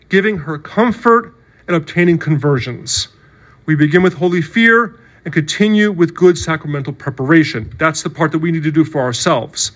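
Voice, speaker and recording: A male priest giving a sermon in an earnest, conversational way, often checking in with "right?" and "okay". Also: on the high side. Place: church.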